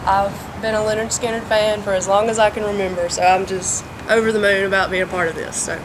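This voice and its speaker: A young woman from Mississippi speaks in a bubbly way, laughing easily as she answers. There is clear background noise from air conditioning behind her voice. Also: medium pitch, little pitch movement, quick pace. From Mississippi, USA. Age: 20s. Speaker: podcast guest. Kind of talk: casual interview answers.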